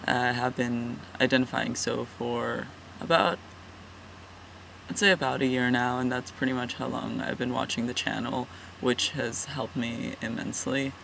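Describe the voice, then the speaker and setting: A man in his twenties from California talks in a halting, thoughtful, self-deprecating way in a casual personal vlog. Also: medium pitch, steady tone, gravelly, noisy background. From California, USA. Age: 20s. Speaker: vlogger, regular channel contributor.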